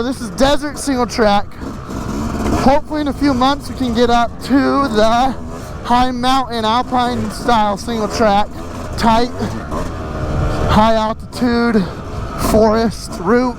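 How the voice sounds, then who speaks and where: An out-of-breath man hosting a casual riding vlog on a desert trail, energetic and whooping as he talks from a helmet mic. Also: very high-pitched. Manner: energetic, whooping, laughing between sentences. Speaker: host. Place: outdoor desert trail, riding a dirt bike. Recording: loud engine and wind noise.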